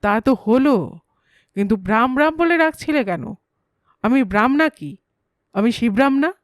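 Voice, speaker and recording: A woman playing a sleepy, grumpy middle-aged man in a comic audio story, grumbling and fussing with a fairly high, dry voice. He frets over small things and snaps back at every question. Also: expressive, moderate pace, no echo. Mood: irritated. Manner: grumbling, fussy about his name.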